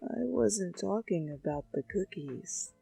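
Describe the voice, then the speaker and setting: A calm, knowing old tea-shop uncle performed by a woman reader speaks slowly and softly with a teasing edge. The delivery is measured and close, over light music in a fan fiction story. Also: mid-range voice, gravelly, husky, no echo, exaggerated voice. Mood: sly teasing.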